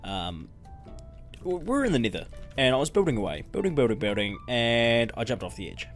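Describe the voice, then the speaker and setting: A man's voice: medium pitch, big pitch swings, normal speed, soft background music. A man giving casual gameplay commentary as a YouTuber. He rambles, interrupts himself and chuckles as he talks. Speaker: gaming YouTuber.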